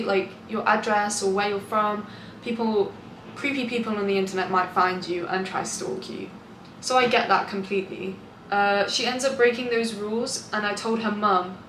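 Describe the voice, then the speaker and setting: The speaker is a young British woman, an online video host with a mid-range, slightly bright voice. She reads confessions and responds in a chatty, frank manner, delighting in the gossip. Echo and clear background noise come through from the room.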